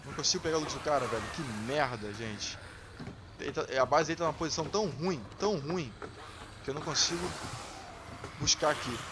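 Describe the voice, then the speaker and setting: A Brazilian man hosting a gaming channel, commenting on gameplay in casual, excitable chat and swearing freely at the viewers. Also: a little high, a little fast, pauses often, noisy background. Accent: Brazilian Portuguese.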